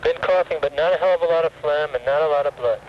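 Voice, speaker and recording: A man's voice: fairly high pitch, fast talker. A man, the expedition leader, talking over a walkie-talkie radio in clipped radio protocol and ending his turns with "over". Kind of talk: two-way radio talk. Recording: muffled noisy walkie-talkie transmission.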